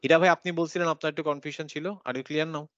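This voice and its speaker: A man teaching a live online class on Quran recitation. He explains each rule patiently, step by step, and chants the examples slowly with a nasal hum. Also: on the high side, steady tone, fairly bright tone, dry recording. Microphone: video call. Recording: dull lo-fi video call audio.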